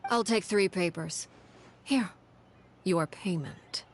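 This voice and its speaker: A woman voicing a cool, calculating young woman of power in a video game, with a measured, formal and condescending manner. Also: fairly low pitch, slight background noise. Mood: curt, composed. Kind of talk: video game character dialogue.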